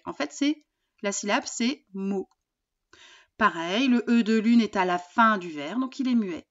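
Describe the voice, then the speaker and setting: A woman teacher giving a recorded poetry lesson. She explains patiently and often pauses with fillers. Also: fairly high pitch, lo-fi sound.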